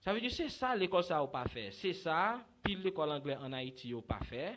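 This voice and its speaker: A man's voice: a little high, very animated, normal speed, a bit bright, a little hiss or hum. A Haitian man, a native Creole speaker with a Haitian accent, teaching English pronunciation in an informal video lesson, hesitant and full of fillers and restarts. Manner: hesitant, many fillers and restarts, mixing languages.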